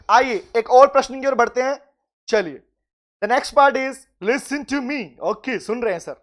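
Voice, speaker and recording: A man's voice: extremely high pitch, a bit bright. Indian man teaching a live online class. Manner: addresses students as "beta", mixes Hindi and English, reads questions aloud slowly. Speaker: law teacher.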